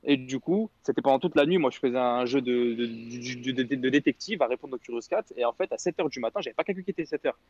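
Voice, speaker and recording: Young man, fast rambling storyteller, slangy, dry lo-fi sound. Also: mid-range voice, a little mellow, breathy edge, no room sound. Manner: rambling, slangy, quotes others. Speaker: radio show guest telling a story. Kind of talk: casual storytelling chat.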